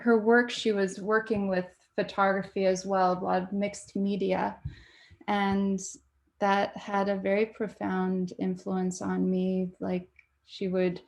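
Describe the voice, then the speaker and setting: A young woman from Canada, a documentary photographer, talking reflectively on a panel with frequent pauses and fillers. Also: mid-range voice, gravelly. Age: young adult. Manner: reflective, hesitant with many fillers. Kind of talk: panel talk.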